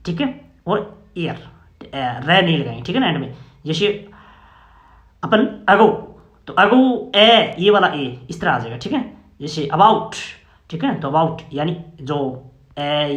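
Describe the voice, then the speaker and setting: A man's voice: fairly high pitch, a bit bright, reverberant. A man teaching a classroom phonetics lesson, explaining step by step and often checking with "okay?".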